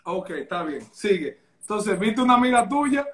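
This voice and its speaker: High-voiced host who keeps interrupting. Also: male voice, sing-song, moderate pace. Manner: keeps interrupting to question the guest. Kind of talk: casual live show chat.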